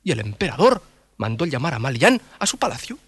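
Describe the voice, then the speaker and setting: A man narrating a children's story in a playful, animated way with sound effects and sing-song bits. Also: mid-range voice, fairly quick, slightly rough, dry recording.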